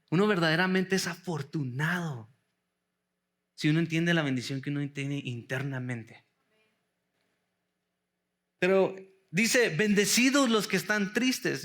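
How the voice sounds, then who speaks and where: A man's voice: sits high, sharp tone. A man preaching a sermon to his congregation in a church, asking rhetorical questions, calling them brothers and slipping English words into his Spanish. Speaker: pastor. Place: church sanctuary.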